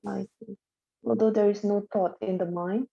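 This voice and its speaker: A woman's voice: mid-range voice, fairly even intonation, moderate pace, gravelly, warm tone, husky. Hesitant woman on a video call. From Indonesia. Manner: hesitant, many ums. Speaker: participant asking questions. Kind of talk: asking questions on a video call. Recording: muffled video call audio.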